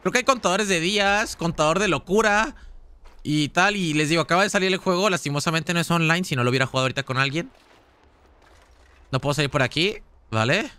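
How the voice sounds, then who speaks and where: A Mexican man streaming a survival horror game live, chatting excitably and casually with his viewers in slangy speech. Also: a little high, fast, clean tone, dry recording. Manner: chatty, excitable, slangy, talks straight to chat. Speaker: gaming streamer. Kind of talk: live gaming commentary.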